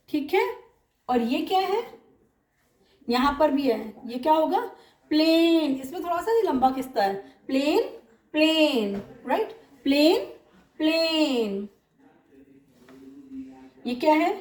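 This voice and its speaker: A high-pitched woman gives a slow, patient phonics lesson. She stretches out her example words and keeps asking whether her students have understood. Her voice sounds a little echoey, as if recorded in a bare room. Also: warm tone. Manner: patient, drawn-out examples, frequent check-ins like "clear?". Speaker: English phonics teacher.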